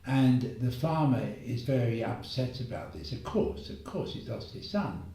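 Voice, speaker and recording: A man telling a moral story as a gentle, unhurried homily, pausing often. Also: mid-range voice. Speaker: preacher. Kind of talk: reflective spoken homily. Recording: echoey room, voice far from mic.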